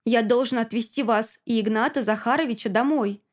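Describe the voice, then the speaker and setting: Woman voicing a calm, level male driver. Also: on the high side, fairly quick, close to an everyday voice. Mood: firm. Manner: level, dutiful. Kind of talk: audiobook reading.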